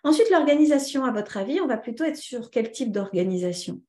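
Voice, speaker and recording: A woman trainer giving a live online lesson, lively and answering viewers' comments by name. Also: fairly high pitch, a little fast, reverberant. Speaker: teacher trainer.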